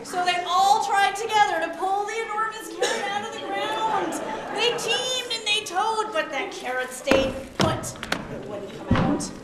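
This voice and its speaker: A very high-pitched woman narrates a children's tale on a stage, coaxing young performers to echo her lines. The hall rings with echo, and a loud audience and heavy noise sit behind her. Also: a little slow, over a noisy crowd. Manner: animated, prompting children to repeat lines. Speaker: storyteller leading children in a show. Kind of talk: read-aloud children's story performance.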